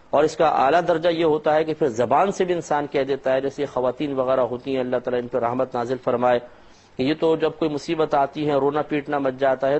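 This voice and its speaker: A man's voice: medium pitch, a little mellow. Guy doing a religious lecture, explains stuff step by step, kinda muffled lo-fi audio. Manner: patient explaining through step-by-step examples. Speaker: Islamic scholar. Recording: slightly dull lo-fi recording.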